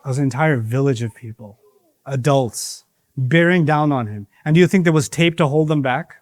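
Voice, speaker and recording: A man's voice: mid-range voice, normal speed, no room sound, studio quality. A man giving an interactive religious lesson to young people in a mosque, playful and teasing, acting out bits of dialogue. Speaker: teacher of young audience.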